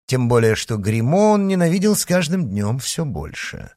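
A man reading a classic novel aloud as an audiobook narrator, in an expressive, lively style. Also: mid-range voice, normal speed, dry recording, clean studio sound.

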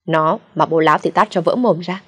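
A woman voicing a spiteful, sick elderly mother-in-law who scolds coarsely, in a low, husky voice. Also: brisk, fairly bright tone.

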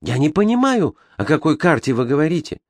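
A man puts on an indignant Englishman sailor from a storybook. He protests in a high, strained voice that leaps about, recorded dry and close. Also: sing-song, brisk, dry recording.

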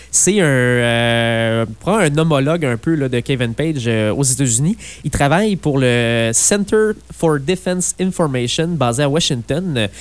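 A man with a Québécois French accent, co-hosting a political radio talk show in a chatty, animated way, full of fillers. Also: medium pitch, no room sound.

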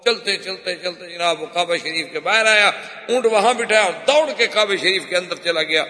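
A male preacher with a high, bright, forceful voice tells a story in a sermon. He acts out the cries and dialogue dramatically, and his voice rings with a long reverb in a hall. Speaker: Islamic preacher.

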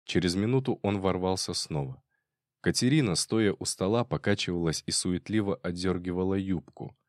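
A man narrating a crime story in a measured, dramatic reading. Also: low-pitched, no room sound, clean studio sound. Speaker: audiobook narrator.

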